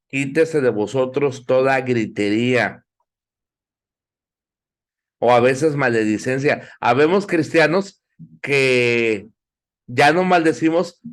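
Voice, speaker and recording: A middle-aged man teaching a Bible class in sermon style, exhorting listeners and asking them questions. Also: medium pitch. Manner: exhorting, asks the audience questions.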